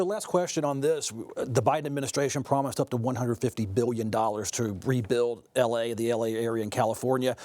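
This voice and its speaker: A man's voice: medium pitch, a little mellow, dry recording. A man hosting a studio political panel, direct, posing pointed questions to guests. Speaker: host.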